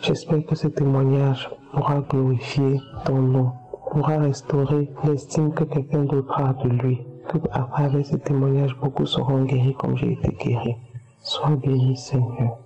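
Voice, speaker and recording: A man prays in a solemn, measured voice. His tone is gravelly and mellow and stays flat. Soft music plays beneath him. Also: mid-range voice, highs cut off. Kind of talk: spoken prayer.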